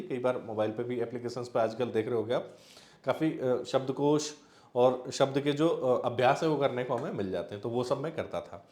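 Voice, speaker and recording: A man's voice: a little high, a little mellow. Man teaching exam prep in an echoey room. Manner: conversational, explains with repeated examples and fillers. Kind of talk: explanatory exam-prep talk.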